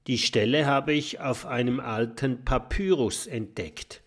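A man's voice: mid-range voice, measured pace, a bit bright, slightly rough. A man voicing a timid, nervous male professor who often whispers secretively. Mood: fearful whisper.

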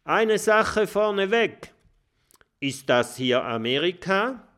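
Guy putting on a shouty gruff viking boss, high and pushy, slow drawn-out words. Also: sing-song, heavily acted. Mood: bellowing. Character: blustering male Viking chief, loud and bossy.

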